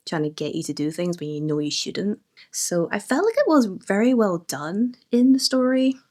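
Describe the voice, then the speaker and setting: Young woman, book vlogger, chatty and bubbly, voice a touch lower than most. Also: a little mellow. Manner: chatty and enthusiastic, lots of fillers. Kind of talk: casual book review chat.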